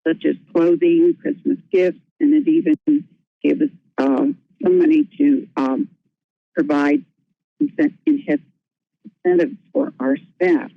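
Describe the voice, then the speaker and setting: A woman with a low, very animated voice and vocal fry speaks at a measured pace, giving a prepared presentation as a nursing home administrator. She is earnest and careful, with small restarts. The recording is dry, with tinny phone-line audio.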